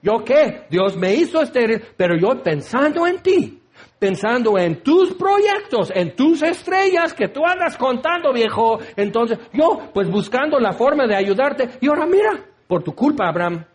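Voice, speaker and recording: Brief: male preacher doing a fed-up, nagging wife, high and whiny. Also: big pitch swings, a little slow, heavily acted. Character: exasperated older wife blaming her husband.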